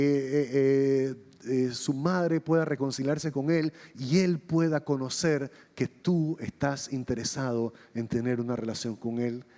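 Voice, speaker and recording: A man preaching a sermon as pastor, telling a story and acting out its dialogue with changing pitch and pace. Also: darkish tone. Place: church hall. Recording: long reverb of a church hall.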